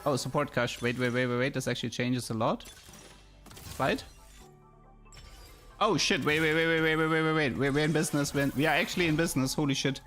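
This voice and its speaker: Streaming a game with music in the background, a German man keeps up casual chat and commentary in German-accented English, thinking aloud and repeating words often. His fairly high, slightly bright voice moves briskly, broken by long pauses.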